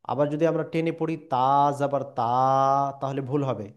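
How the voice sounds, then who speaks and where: A man teaching a Quran reading lesson, drilling syllables slowly with pauses and fillers. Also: on the high side, fairly even intonation, warm tone. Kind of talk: recitation lesson.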